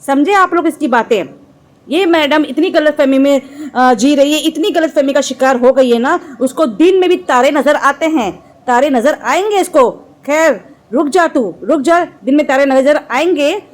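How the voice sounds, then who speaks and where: A woman's voice: sits high, moderate pace. A woman vlogger delivering an angry reaction commentary, scolding and mocking with insults.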